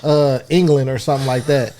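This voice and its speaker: A man's voice: medium pitch, fairly even intonation, brisk, warm tone. A man with an American accent, co-hosting a podcast and arguing his point in long, earnest, blunt runs of casual chat. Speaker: podcast co-host.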